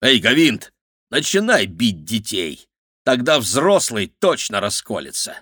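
A man's voice: medium pitch, sing-song, a little slow, a bit bright, no echo, clean studio sound. A man voicing a hot-tempered adult male pyrotechnician villain who barks furious threats.

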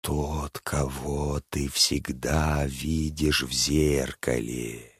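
A cunning storybook dragon, put on by a man, creeps through each word with a slow, lisping hiss. The voice sinks low and hushed, husky at the edges. It is recorded close and dry, with no room around it. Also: flat delivery, dry recording, exaggerated voice. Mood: sly. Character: sly lisping male dragon in a dungeon.

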